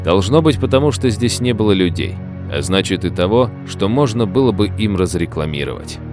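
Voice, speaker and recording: Low-voiced male audiobook narrator. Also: lively intonation, brisk, over music. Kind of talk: scripted narration.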